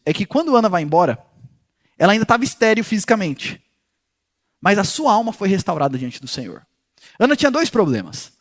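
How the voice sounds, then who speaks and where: A man teaching a Bible passage in an animated storytelling way, talking directly to his listeners. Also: sits high. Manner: speaks directly to listeners as "gente". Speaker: pastor teaching a Bible study.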